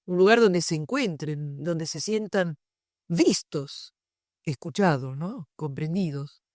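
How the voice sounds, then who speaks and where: An older woman with an Argentine Spanish accent presents a book publicly in a university lecture room. Her voice sits low, slow, and a little mellow, in a dry, clean studio recording. She's reflective and digressive, telling anecdotes.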